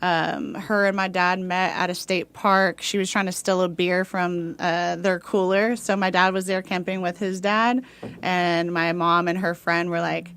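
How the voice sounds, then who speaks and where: Chatty Texan woman, lowish voice. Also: little pitch movement, measured pace, fairly bright tone, smooth. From Houston, Texas. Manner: chatty, rambling, many fillers and laughs. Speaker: podcast guest, dog trainer. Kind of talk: casual interview chat.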